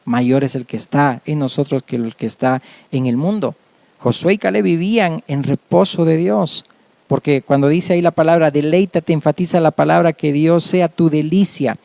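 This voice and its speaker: A man preaching a sermon as a pastor, earnest and measured, often adding amen. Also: a little high, creaky, dark tone, dry recording.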